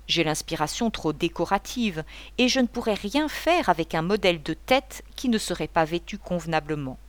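Woman voicing a loud rambling painter man in a storybook reading, bossy and mocking, lively swooping delivery, low voice. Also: no room sound. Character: boisterous talkative middle-aged male painter.

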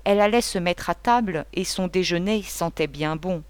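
A woman's voice: on the low side, normal speed, clear, resonant tone, dry recording, close to an everyday voice. A woman voicing a proud, poor young woman in an audiobook, speaking sharply and with indignation. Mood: indignant. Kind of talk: audiobook character voice.

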